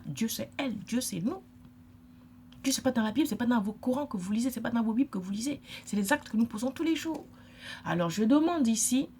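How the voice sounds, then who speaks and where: A woman's voice: fairly high pitch, a little hiss or hum. A middle-aged woman from Africa, giving an emphatic, lecturing vlog monologue and repeating her points. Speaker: vlogger.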